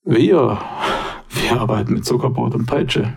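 A man voicing a menacing male gangster boss who threatens calmly. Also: mid-range voice, a little slow, gravelly, husky, heavily acted. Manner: calm, intimidating.

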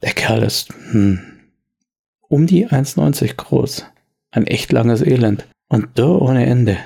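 A man's voice: mid-range voice, expressive, slow, gravelly, dark tone, breathy edge. A man narrating a tabletop role-playing game as game master, telling the scene in tense, descriptive storytelling.

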